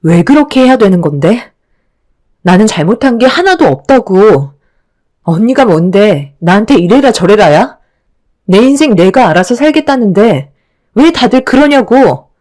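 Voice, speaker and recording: Woman reading as a defiant young wife, snapping back, radio story, middle pitch. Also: big pitch swings, moderate pace, a little mellow. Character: defiant young wife fed up with her family.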